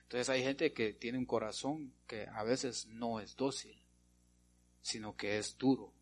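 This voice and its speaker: A man's voice: mid-range voice, steady tone, a little slow, slight background noise. A male pastor preaching a sermon, punctuating his points with repeated amens and rhetorical questions to the congregation.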